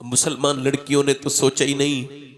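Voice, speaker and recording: A man's voice: medium pitch, level tone, normal speed. A man preaching a fiery sermon to a gathering, exhorting and repeating questions to draw responses. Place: religious gathering, through a PA.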